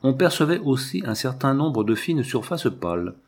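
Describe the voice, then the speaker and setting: A man narrating a novel as an audiobook reading, in a measured literary way. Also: medium pitch, sing-song, husky.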